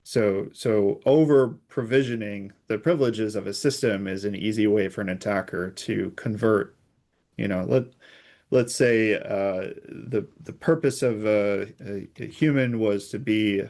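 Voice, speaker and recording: A security researcher appears as an expert guest in an interview, explaining technical concepts through hypothetical examples. His voice is fairly low, slightly slow and somewhat mellow.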